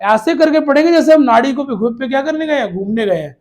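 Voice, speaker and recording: A man teaches an exam-prep lesson to children in a very high, expressive voice with a darkish tone, speaking fast. He answers his own questions, repeats key words, and calls the students "beta" like a father.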